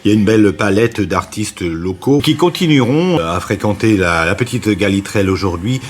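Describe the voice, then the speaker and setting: A man interviewing a local business owner, asking friendly questions with some halting starts. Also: on the low side, expressive.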